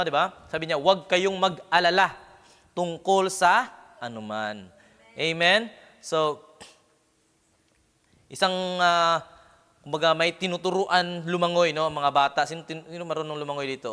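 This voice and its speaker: Bright-voiced preacher in a reverberant hall. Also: male voice, a little high, level tone, moderate pace, clean tone. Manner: punctuates phrases with questioning "Amen?" and "No?"; mixes English words into his preaching. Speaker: pastor. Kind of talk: sermon.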